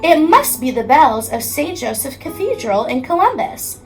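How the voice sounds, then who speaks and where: A woman's voice: high voice, big pitch swings, moderate pace, faint music behind. A woman voicing a jolly old male Santa Claus in a storybook, hearty and exclamatory. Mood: cheerful.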